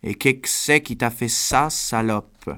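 Vieille fermière normande en colère, parler paysan rude, jouée par un homme. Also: male voice, low voice, normal speed, natural voice. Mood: furious. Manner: rough, scolding peasant speech. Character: furious old Norman farm wife, mother.

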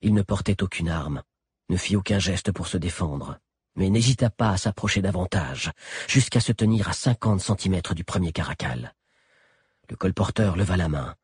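A man's voice: sits low, lively intonation, normal speed, a little mellow, breathy edge, no room sound, clean studio sound. A man narrating an adventure story as an audiobook, telling it expressively. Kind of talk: scripted narration.

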